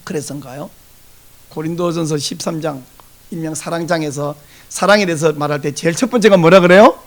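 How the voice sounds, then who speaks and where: A man preaching a Sunday sermon as pastor, lively and animated, acting out the voices of people he quotes. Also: on the high side, a little fast.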